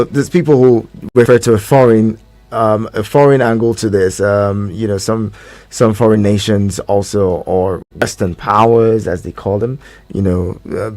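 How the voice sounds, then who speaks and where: A man hosting a phone-in radio show, moving callers along briskly. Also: fairly low pitch, darkish tone, no room sound. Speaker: radio talk show host.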